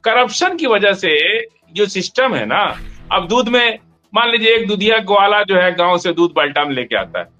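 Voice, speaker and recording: A man's voice: sits high, expressive, moderate pace, pushed and bright, lo-fi sound, soft background music. A man in a heated political discussion, arguing emphatically and cutting in on the other speaker. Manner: argumentative, emphatic, interrupts. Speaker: debate panelist.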